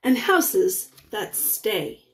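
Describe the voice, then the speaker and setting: A woman in her forties, acting as a teacher, reads aloud from a picture book and stops to ask young listeners questions in a deliberate, sing-song way. Her medium-pitched voice swings widely in pitch, and the recording is rough.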